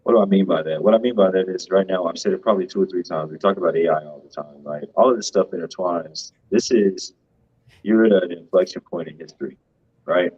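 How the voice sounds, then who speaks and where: Co-hosting a finance program, a deep-voiced man with a husky edge chats about money at a fairly quick clip. He's casual but emphatic, frequently closing his points with "right?", and his tone runs darkish over a dull, lo-fi recording.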